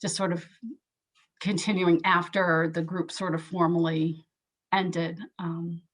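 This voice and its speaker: A woman as an interview guest, giving a candid, earnest personal account and pausing often with soft hesitations. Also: on the low side, little pitch movement. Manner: earnest, reflective, pauses with soft "um"s.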